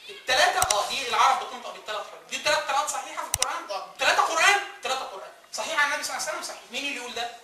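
The Egyptian-accented man's extremely high-pitched voice moves very fast with few pauses as he lectures, quizzing the class and answering his own questions. It's a distant recording in an echoey room with background noise.

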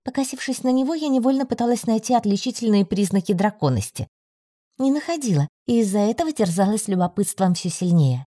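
A woman's voice: medium pitch, brisk, no echo, studio quality. Wry woman narrating a fantasy audiobook. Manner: lively storytelling, wry.

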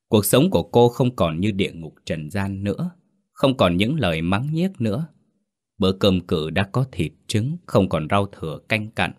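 A man narrating a ghost story in a steady, somber reading. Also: low voice.

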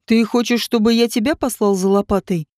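A woman voicing a gruff, irritable man who barks curt orders. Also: on the high side, steady tone, a little fast, darkish tone, no echo, studio quality, pitched below the performer's own voice, lightly acted.

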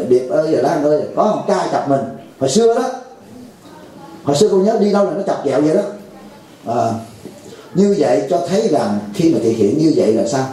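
A man's voice: fairly high pitch, mellow, very echoey, rough recording. A man giving a dharma talk to a lay audience, jovial and teasing, acting out a pleading caller. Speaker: Buddhist monk teacher.

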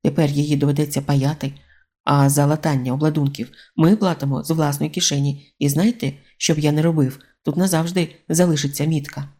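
A grumpy zombie watch constable, as an audiobook reader puts him on, muttering complaints with a dark, mellow tone. He sounds put-upon and sour. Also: medium pitch, fairly even intonation, a little fast, close to an everyday voice. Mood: aggrieved. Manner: grumbling, aggrieved.

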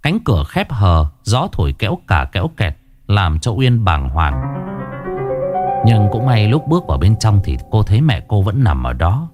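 Low, dramatic male horror storyteller. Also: big pitch swings, a little mellow, soft background music. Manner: dramatic, measured. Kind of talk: scripted horror narration.

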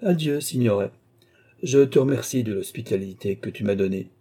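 A man reading the part of a calm, dignified nobleman officer in an audiobook. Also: mid-range voice, breathy edge. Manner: measured, dignified, firm.

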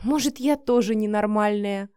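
A woman's voice: medium pitch, normal speed, dark tone, clear, resonant tone, no room sound, clean studio sound, close to an everyday voice. A woman reading an audiobook voices a shy, easily embarrassed young woman who pleads and snaps back. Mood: snapping. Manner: hissing, pleading, easily flustered.

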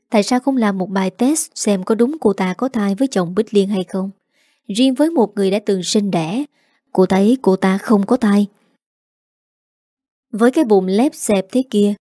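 A woman's voice: mid-range voice, warm tone, dry recording, studio quality. A woman reading a serialized drama story aloud, voicing every character in her own voice. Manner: reads every character herself with small voice shifts.

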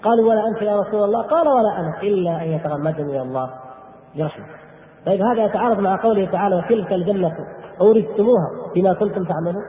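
A man delivers a rapid, high-pitched lecture. He keeps asking questions and answering them emphatically. The recording is a tinny, phone-like line, and his voice rings with a long hall echo. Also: animated. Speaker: preacher. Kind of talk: religious lecture.

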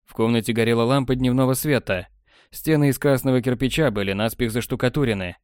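Measured male audiobook narrator, dry sound. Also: mid-range voice, clear, resonant tone, no room sound. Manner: even, measured storytelling. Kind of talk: scripted narration. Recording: dry close studio sound.

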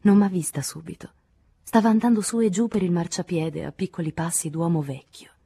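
Woman reading a novel audiobook, super breathy husky voice, soft and near whispery. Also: lowish voice, fairly even intonation, a little fast. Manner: quiet, intimate, often sinking to a whisper. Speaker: audiobook reader. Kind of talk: literary audiobook narration.

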